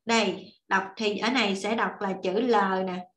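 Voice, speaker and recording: A woman's voice: medium pitch, steady tone, moderate pace. Woman, patient teacher, casual online class, echoey audio. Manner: patient, repeats and demonstrates while writing. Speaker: Korean language teacher.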